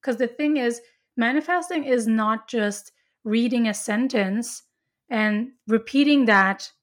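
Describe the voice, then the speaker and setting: A woman's voice: on the high side, slow. A woman chatting casually, earnestly explaining her spiritual beliefs at length with frequent restarts.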